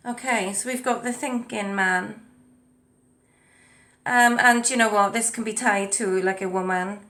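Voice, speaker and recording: Reading the card texts aloud, a woman gives a chatty, casual spiritual reading peppered with ums and you knows. She is a tarot and oracle card reader with a mid-range, slightly bright voice, a steady tone, and a somewhat slow pace, recorded on a desk mic at her ring-lit home setup.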